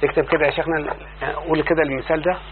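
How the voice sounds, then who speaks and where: A man with an Egyptian accent, his voice pitched a little high, teaches a student step by step. He draws out each word form and keeps asking whether he is understood. The sound comes over a thin phone-like line with a soft hum underneath. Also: flat delivery. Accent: Egyptian Arabic. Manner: repeats word forms slowly and drawn out. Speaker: teacher of Arabic morphology. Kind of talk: explaining a classical text to a student.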